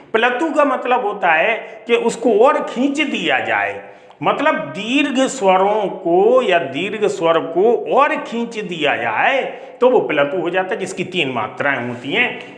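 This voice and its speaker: A man's voice: sits high, a bit bright. Man teaching in an echoey room. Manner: explanatory, repeats key points, asks and answers own questions. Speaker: Hindi teacher. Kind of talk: classroom grammar lecture.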